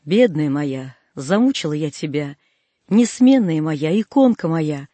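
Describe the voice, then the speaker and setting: A man's voice: a little high, animated, a little slow, warm tone, dry recording, voice pushed down. A man voicing a fierce, proud young woman who throws out scornful, defiant outbursts. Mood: tender.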